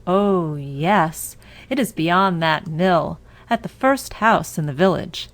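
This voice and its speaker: A woman's voice: lowish voice, lively intonation, takes it slowly, no echo. A woman voicing an innocent, trusting little fairy-tale girl in an earnest, wide-eyed, singsong manner. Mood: innocent, eager.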